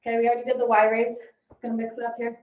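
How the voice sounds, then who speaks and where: A woman with a high voice coaches a circuit workout in classic aerobics instructor style. She gives short commands, counts and steady encouragement. The sound is roomy and echoing, with the mic some way off from her. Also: racing. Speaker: fitness instructor. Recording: echoey room, distant mic.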